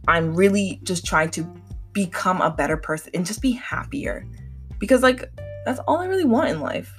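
A woman's voice: medium pitch, expressive, normal speed, faint music behind. A woman in her twenties hosting a solo podcast, talking candidly in a chatty, filler-heavy way while slightly sick. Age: 20s. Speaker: podcast host. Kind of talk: casual solo podcast talk.

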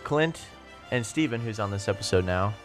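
A man's voice: fairly low pitch, expressive, normal speed, soft background music. Young man teasing his podcast friends. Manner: joking, teasing banter. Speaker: podcast co-host. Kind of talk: casual chat.

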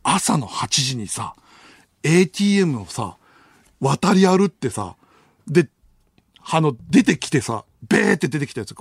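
A man hosts a late-night radio show from a dry, close-miked studio. His voice sits high and swings widely as he acts out a story, throwing in sound effects and laughter. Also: husky, no echo. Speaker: radio host. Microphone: studio microphone.

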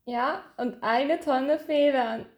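A woman with a high voice hosts a casual quiz among friends. She is giggly and teasing, and the sound is roomy. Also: takes it slowly, dull audio. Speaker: quiz questioner, hairdresser. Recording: roomy, echoey indoor sound.

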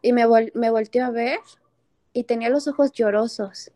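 Young Mexican woman, higher mellow voice, heartfelt personal storyteller. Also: fairly even intonation, normal speed. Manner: earnest, heartfelt, with many fillers and restarts. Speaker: speaker telling a personal story.

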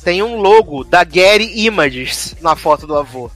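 A man with a Brazilian accent chatting casually as a host, retelling a series plot in an animated way and acting out the characters' lines. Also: high-pitched, measured pace, faint music behind. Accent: Brazilian Portuguese. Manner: animated storyteller acting out quotes. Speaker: podcast host reviewing a series. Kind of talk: casual chat.

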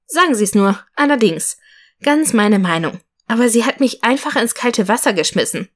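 A woman's voice: fairly high pitch, animated, moderate pace. A woman reading an audiobook voices Emma, an anxious young woman who is a twin, in a pleading, slightly raised voice.

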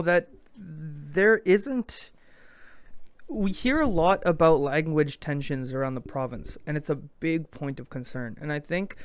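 A man's voice: fairly high pitch, clear, resonant tone, no echo. A man hosting a podcast, talking in an earnest, reflective way and often restarting his sentences. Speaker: podcast host. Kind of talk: casual conversation.

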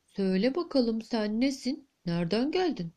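Woman as a husky, hot-tempered giant queen, low and mellow, for a read-aloud tale. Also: big pitch swings, moderate pace. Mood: questioning. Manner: suspicious, booming questions. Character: huge hoarse giant queen, quick-tempered.

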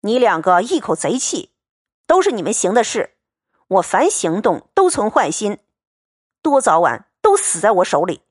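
A man's voice: high-pitched, huge pitch swings, normal speed, dry recording, studio quality, exaggerated voice. A woman doing a wheedling young nobleman. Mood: pleading, complaining.

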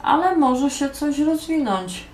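A woman's voice: high voice, expressive, a little mellow, pitched above the performer's own voice. Woman playing a hesitant young apprentice merchant. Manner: hesitant, many pauses and fillers. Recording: echoey room, music behind.

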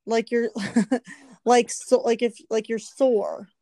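A woman's voice: fairly high pitch, level tone, takes it slowly, mellow, no room sound. A woman co-hosting a podcast, chiming in with laughing, teasing questions in casual chat.

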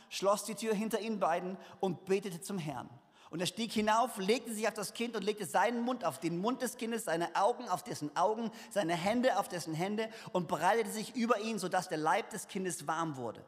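A man preaching a sermon, reading a scripture story aloud and adding lively, humorous asides. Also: high-pitched. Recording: hall reverb.

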